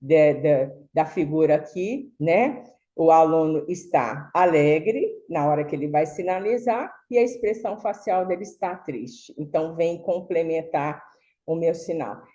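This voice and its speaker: A woman's voice: deep voice, unhurried, warm tone, muffled recording. A woman teaching a sign language class, explaining patiently with many fillers and tag questions. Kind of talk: online lecture.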